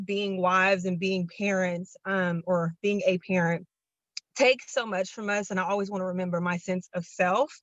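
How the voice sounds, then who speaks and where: A woman's voice: medium pitch, a bit bright, no room sound. A young woman is slightly out of breath as she talks on a video call, earnest and enthusiastic and a little long-winded. The call audio sounds dull and lo-fi, dry with no room around it. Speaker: program participant. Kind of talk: casual testimonial on a video call.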